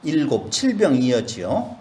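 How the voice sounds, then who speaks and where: A man's voice: mid-range voice, wildly swooping pitch, measured pace, warm tone, roomy sound. A male pastor leading a Bible study sermon, asking the congregation questions as he explains the passage. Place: church.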